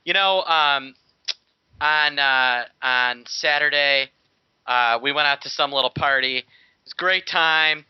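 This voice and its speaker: A man's voice: on the high side, a little slow, clean tone, dry recording. A man with a tinny, metallic-sounding voice, joking around as a regular co-host over a remote call. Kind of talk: joking casual banter. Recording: dull, tinny, dry remote call audio.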